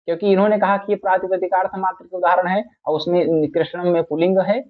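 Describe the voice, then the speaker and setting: A man's voice: high-pitched, flat delivery, fast talker. A man teaching grammar in a patient lecture, repeating each point and reciting classical phrases. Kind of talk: explanatory lecture. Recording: tinny phone-like audio.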